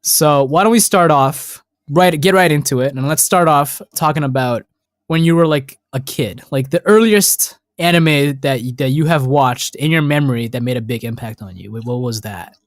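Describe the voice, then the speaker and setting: A man co-hosting a podcast, telling childhood stories in a loud, excitable way and swearing constantly. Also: mid-range voice, moderate pace, dry recording, clean studio sound. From North America. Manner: excitable storytelling, heavy swearing. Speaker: podcast co-host. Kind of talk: casual podcast chat.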